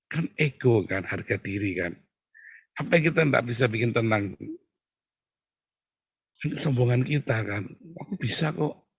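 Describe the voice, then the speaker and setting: Gravelly, husky-voiced male preacher. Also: medium pitch, no echo. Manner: animated, exclamatory preaching, addresses listeners as "brothers". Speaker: preacher who counsels pastors. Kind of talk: sermon.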